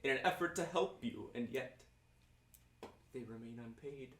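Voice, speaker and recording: A man voicing a pushy, mystical fortune teller woman in a tabletop role-play, beckoning and delivering drawn-out, ominous prophecies. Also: mid-range voice, a bit bright, roomy sound, far from the mic, slight background noise, close to an everyday voice. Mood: ominous, trance-like.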